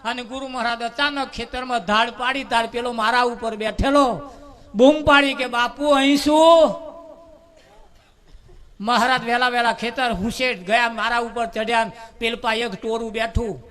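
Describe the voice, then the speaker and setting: A man telling a humorous parable at a devotional gathering, lively and fond of drawn-out repetition. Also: extremely high pitch. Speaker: devotional storyteller at a bhajan gathering.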